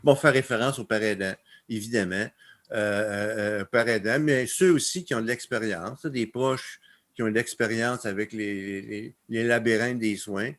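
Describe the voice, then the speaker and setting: A man's voice: fairly low pitch, moderate pace. Laughing Québécois man telling stories. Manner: laughs often, animated storytelling. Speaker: conference speaker. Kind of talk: presenting slides on a webinar.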